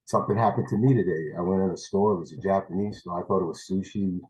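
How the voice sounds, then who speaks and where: A man's voice: sits low, fast, warm tone, low-quality recording. A man from New City, giving a rambling, blunt public comment over a video call as a parent. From New York City.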